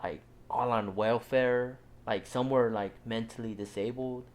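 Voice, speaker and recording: A man's voice: medium pitch, steady tone, measured pace, darkish tone. A young man from Southern California, co-hosting a podcast with laid-back, joking casual banter. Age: young adult. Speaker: podcast co-host. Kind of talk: casual chat.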